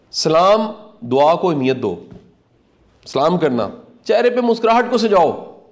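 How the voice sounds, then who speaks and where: A middle-aged man giving a motivational talk in an earnest, preacherly way, repeating key lines for emphasis. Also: mid-range voice. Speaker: motivational speaker. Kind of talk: reflective commentary talk.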